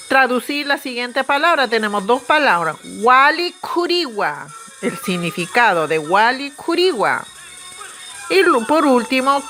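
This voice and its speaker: A woman with a bright, clear voice gives a recorded language lesson. Her pitch sits a little high and moves up and down a lot. She speaks at an unhurried pace, stretching out each practice word, with soft music underneath. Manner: drills Aymara words slowly, checking in with "¿ya?" and "¿no es cierto?". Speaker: Aymara language teacher.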